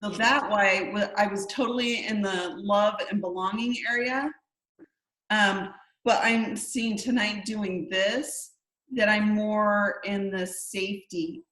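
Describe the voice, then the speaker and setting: A woman coaching a group over a video call, explaining in a relaxed way with hesitant restarts. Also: mid-range voice, slow pace, reverberant, low-quality recording.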